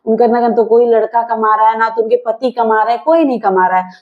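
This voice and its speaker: A woman with a fairly high voice argues sulkily and sarcastically as a wife in a scripted family comedy skit. The recording is dull and lo-fi, like home video. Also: fairly even intonation, fairly quick. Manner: sulky, sarcastic arguing.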